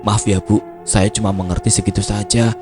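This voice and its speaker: A man voicing a gentle, modest older becak driver with a Javanese accent, speaking softly. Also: fairly low pitch, little pitch movement, a little fast, natural voice. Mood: humble. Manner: soft-spoken, modest. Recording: music playing behind.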